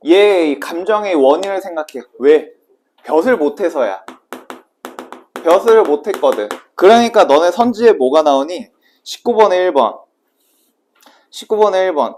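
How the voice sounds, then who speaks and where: A man with a fairly high voice teaches literature in a brisk, chatty way. He keeps firing questions at the class and answers them himself before moving on. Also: animated, a little mellow, a little hiss or hum. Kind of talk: exam prep lecture.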